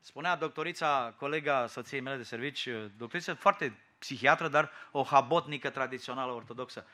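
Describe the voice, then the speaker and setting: A man's voice: mid-range voice, sharp tone. A man with a Romanian accent preaching a sermon in a fiery, rhetorical and mocking way.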